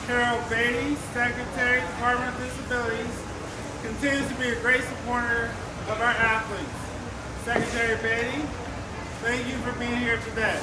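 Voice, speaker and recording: High-voiced American man reading a formal speech. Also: little pitch movement. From Maryland, United States. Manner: halting, formal delivery in short phrases. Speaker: athlete emcee at a fundraiser. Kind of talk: prepared speech read aloud. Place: echoey indoor event room. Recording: echoey room, distant, clearly noisy.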